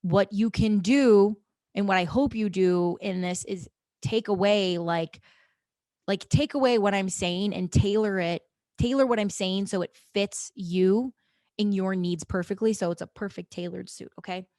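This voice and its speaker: A woman's voice: medium pitch, measured pace, darkish tone, dry recording. Encouraging woman podcaster, dry close sound. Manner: encouraging, repeats "okay?" and "guys" often. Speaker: podcast host. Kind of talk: casual motivational monologue.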